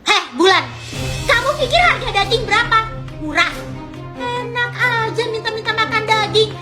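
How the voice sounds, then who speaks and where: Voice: very high-pitched, moderate pace, sharp tone, soft background music. A performer voicing a stingy mother in a comedic skit who mocks and snaps at a child for asking for better food. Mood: snapping. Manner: snapping, mocking. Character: stingy, harsh mother figure in a poor household.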